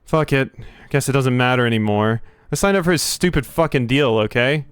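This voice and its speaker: A man's voice: mid-range voice, fairly quick, clean tone, no echo, clean studio sound, close to an everyday voice. A man voicing a snarky, foul-mouthed teenage girl assassin who sneers and swears. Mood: defiant.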